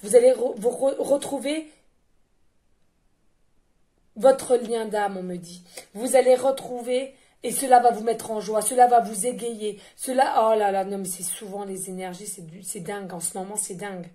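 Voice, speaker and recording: A tarot and oracle card reader delivers a channeled reading, effusive and chatty, often speaking directly to her viewers. Her voice is medium-pitched and dark in tone, at a moderate pace.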